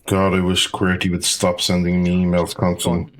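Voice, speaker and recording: A man's voice: low voice, completely flat delivery, normal speed, crowd noise. A man streaming a raid, talking in dry, wry asides with the odd swear. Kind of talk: casual raid chat.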